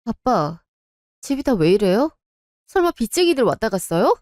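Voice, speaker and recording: A woman's voice: on the high side, big pitch swings, moderate pace. A woman voicing a distraught young wife and daughter, emotional and pleading. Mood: worried.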